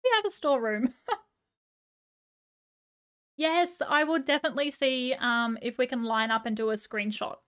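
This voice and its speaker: Gushing high-voiced woman live streamer. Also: normal speed, long pauses, fairly bright tone, smooth. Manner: gushing, chatty, reads chat aloud. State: voice going a little hoarse. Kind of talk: casual live-stream chat.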